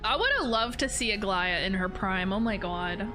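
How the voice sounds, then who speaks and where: A woman's voice: medium pitch, moderate pace. A woman streamer giving casual, rambling reaction commentary on a video game, jokey and informal. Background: game music.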